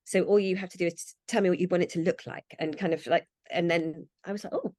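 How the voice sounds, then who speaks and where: Woman, low-ish voice, dry close mic; chatty founder telling her story. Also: fairly even intonation, quick pace, darkish tone, no room sound. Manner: chatty, acts out quoted thoughts. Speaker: brand founder, podcast guest. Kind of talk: casual interview chat.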